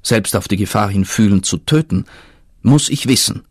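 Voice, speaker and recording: A man voicing a clever, curious spirit of thinking in a storybook reading, asking earnestly with a husky tone. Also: on the low side, normal speed, dry recording, studio quality. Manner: earnest, questioning.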